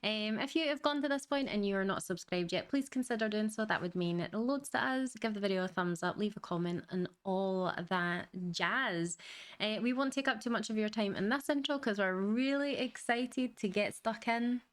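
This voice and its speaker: Clear-voiced woman with a Glaswegian Scottish accent. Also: mid-range voice. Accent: Glaswegian Scottish, softened. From Glasgow, Scotland. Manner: deliberately slowed, clearer speech. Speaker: host of film reaction channel. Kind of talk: casual chat to viewers.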